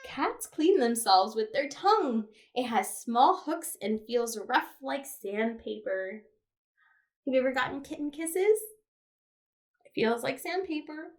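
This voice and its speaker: This woman's high, animated voice moves at an unhurried pace as she leads toddler storytime as a children's librarian. Speaking simply, she reads aloud to small children with questions and fun animal sounds.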